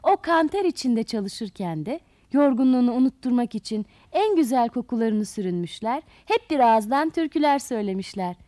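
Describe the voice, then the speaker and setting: A woman storyteller reading a children's fairy tale aloud in an expressive way. Her high voice rises and falls a lot and speaks straight to the children listening. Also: normal speed, hardly any pauses, no room sound.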